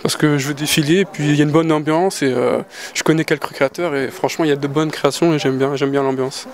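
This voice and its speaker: A man's voice: a little high, steady tone, fast talker. A man who is a model candidate answering interview questions with hesitations and fillers. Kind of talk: casual interview.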